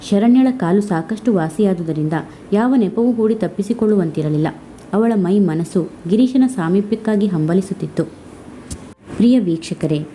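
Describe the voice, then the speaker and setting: A woman narrating a family story in a steady, literary reading style. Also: lowish voice, slight background noise.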